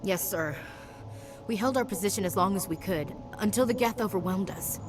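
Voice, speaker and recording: A woman's voice: mid-range voice, normal speed, over music, close to an everyday voice. An actress playing a tough but shaken young female soldier in a video game, reporting in clipped military fashion over a score. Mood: shaken, dutiful.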